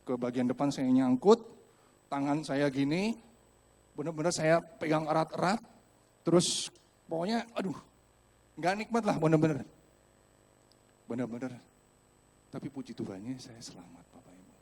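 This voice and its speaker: A man from Indonesia preaching a sermon in a church, telling a personal story with animated, acted-out voices and speaking directly to the congregation. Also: on the high side, moderate pace, pauses often. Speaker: pastor. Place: church hall.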